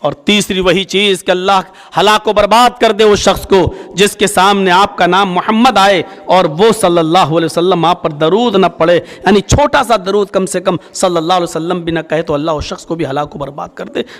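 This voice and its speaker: High bright preacher guy, sermon storytelling, lots of hall echo. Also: steady tone, fairly quick, hardly any pauses. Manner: storytelling, acts out dialogue with rising and falling pitch. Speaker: Islamic preacher.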